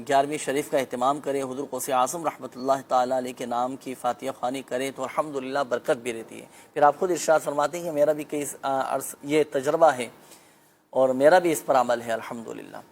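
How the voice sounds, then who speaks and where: A man hosting a religious show, calmly explaining spiritual remedies to viewers with frequent pious phrases. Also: medium pitch, a little hiss or hum.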